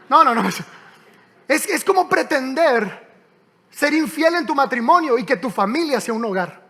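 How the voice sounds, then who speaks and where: Animated pastor preaching. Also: male voice, extremely high pitch, slow pace, long pauses. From Mexico. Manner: lively storytelling, frequent restarts. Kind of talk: sermon.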